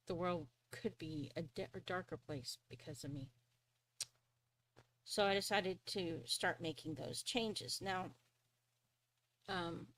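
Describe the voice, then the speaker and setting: A woman's voice: on the low side, fairly bright tone. A woman hosting a live stream, earnestly telling a personal story, often chuckling and restarting her sentences.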